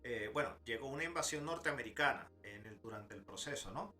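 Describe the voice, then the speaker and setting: An eager co-host in a relaxed podcast, asking questions and sometimes rushing ahead. Soft music plays faintly underneath. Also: mid-range voice. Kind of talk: casual podcast chat.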